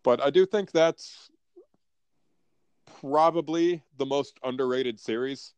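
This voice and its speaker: A North American man with an average-pitched voice co-hosts a sports podcast. He chats casually, blunt and profane, with frat-bro banter. The sound is close and dry. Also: takes it slowly, a little mellow, clear, resonant tone, no room sound.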